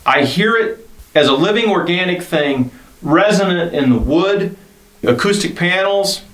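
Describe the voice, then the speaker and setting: A man's voice: high voice, lively intonation, unhurried, fairly bright tone, roomy sound, rough recording. A man in his fifties who leads a band, speaking earnestly and reflectively about faith and his home studio, often repeating himself. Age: 50s. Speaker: band leader and studio owner. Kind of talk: reflective documentary interview.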